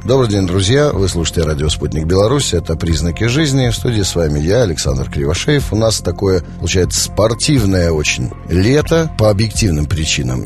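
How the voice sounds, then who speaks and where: A man's voice: deep voice, darkish tone. A man hosting a radio talk show from a studio, interviewing in a conversational way.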